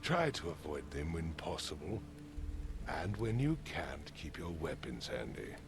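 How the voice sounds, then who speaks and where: A man's voice: very deep voice, big pitch swings, a little slow, very noisy, exaggerated voice. A man playing a brusque, imperious town boss in a video game, speaking in a curt, formal, commanding way. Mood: grave, measured. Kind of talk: video game dialogue acting.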